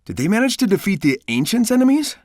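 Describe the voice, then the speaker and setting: Sonic, a lively youthful hedgehog hero. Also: male voice, high voice, quick pace, dry recording, clean studio sound. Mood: breezy, confident. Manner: breezy, casual, confident. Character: cocky, upbeat, caring young male cartoon hedgehog hero. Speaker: video game voice actor. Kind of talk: video game character dialogue.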